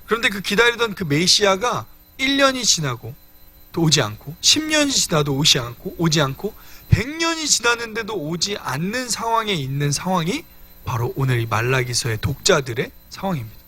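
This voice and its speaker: A man's voice: high voice, big pitch swings, moderate pace, sharp tone, husky. A young man preaching a midweek church sermon, earnestly explaining scripture and addressing the congregation directly. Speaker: evangelist preaching.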